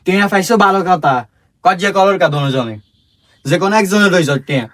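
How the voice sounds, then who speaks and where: A man's voice: high voice, fast talker, a bit bright. A man with a regional Bangladeshi Bengali accent playing a sly older meddler in a comedy skit, goading and repeating himself.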